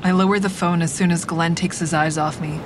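This is first-person audio drama narration by an actress playing a grieving, quietly deceptive woman. She sounds close to an everyday voice, measured, introspective and guarded, while a vehicle rumbles steadily behind.

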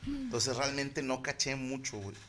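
A man's voice: medium pitch, big pitch swings, moderate pace, a bit bright, slight background noise. A man with a Mexican Spanish accent, co-hosting a podcast, telling a profane, laughing story in casual chat among friends. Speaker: podcast co-host.

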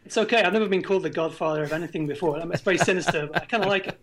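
A man's voice: high voice, rapid-fire, a bit bright. A man chatting casually as a podcast guest, in a droll, understated way. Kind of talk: casual chat.

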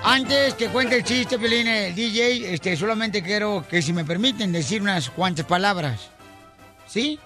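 A man hosting a comic radio show, joking loudly with callers and co-hosts. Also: high voice, lively intonation, a little slow, music in the background. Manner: loud, playful, shouting catchphrases. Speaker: radio host.

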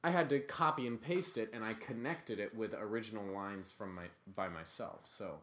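A man co-hosting a podcast in casual, joking chat, with playful deadpan asides. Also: on the low side, normal speed. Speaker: podcast co-host.

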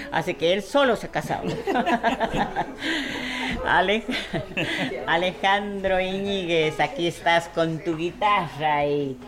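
A woman hosting a live folk music show, thanking performers and introducing guests with slow hesitations. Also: lowish voice. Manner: warm-hearted thanks, lingering slow speech with hesitations. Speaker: host. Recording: folk music playing behind.

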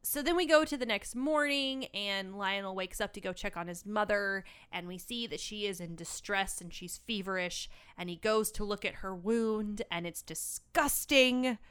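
A woman's voice: medium pitch, smooth. A woman co-hosting a podcast, chatting casually and expressively about a film and laughing often. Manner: lively, expressive, quick to laugh. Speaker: podcast co-host.

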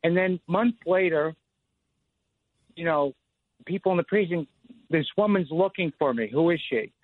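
A man's voice: fairly high pitch, moderate pace, no echo. A man in his fifties, a radio show caller on a phone line, telling a long personal story with many "you know" and "like" fillers. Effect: phone line call-in to a radio show. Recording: tinny dry phone line.

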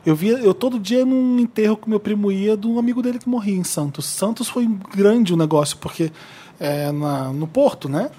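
A man's voice: high voice, moderate pace, dark tone, husky. A man hosting a casual podcast, leading the segments with a playful tone. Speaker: podcast host. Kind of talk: casual chat.

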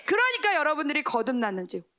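A woman preaching a sermon, asking the congregation questions and answering them herself, swinging between raised exclamations and hushed asides. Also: high voice, huge pitch swings, quick pace.

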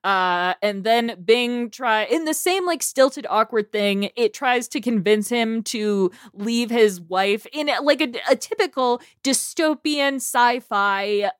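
Podcast co-host, woman, slightly high voice, halting and laughing delivery, dry close mic. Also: clear, resonant tone, no room sound. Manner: stammering, laughing, reads chat transcript aloud. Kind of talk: casual podcast chat.

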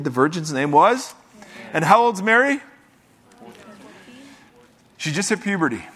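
A pastor delivers a sermon to a live congregation in a church, his voice pitched slightly high for a man. He reads scripture aloud, then drifts into loose, joking asides aimed at the people before him, keeping his delivery relaxed and conversational.

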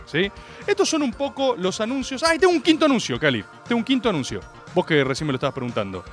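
Animated high-voiced Rioplatense man. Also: fast, soft background music. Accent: Rioplatense Spanish. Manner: theatrical, swings between loud outbursts and mock-grave asides. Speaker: radio show host. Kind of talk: comedic radio monologue, streamed live. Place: radio studio.

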